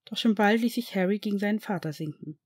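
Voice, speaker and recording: A reader narrating a fan fiction story in an even storytelling manner. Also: mid-range voice, fast.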